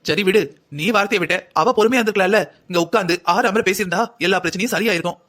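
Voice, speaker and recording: A man's voice: high voice, very fast, fairly bright tone. A man voicing a stern middle-aged mother in a cartoon story who scolds her daughter with rhetorical questions. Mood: lecturing.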